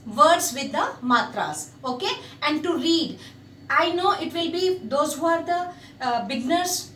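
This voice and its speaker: Slow, patient high-voiced woman teacher. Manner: patient, repeats sounds slowly and switches into English. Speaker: Hindi teacher. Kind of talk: slow spoken language lesson. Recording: echoey room, voice a bit far from the mic, faint hiss.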